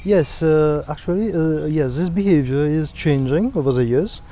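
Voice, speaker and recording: A man with a Mauritian accent answering interview questions in a conversational, halting way, with frequent pauses. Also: a little high, warm tone. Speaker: company CEO, interviewee.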